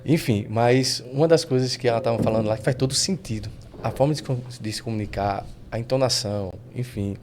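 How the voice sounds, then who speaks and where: A man with a Brazilian Portuguese accent hosting a casual podcast interview, animated and enthusiastic, his voice jumping up when excited. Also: medium pitch, a little fast, noisy background. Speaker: podcast host.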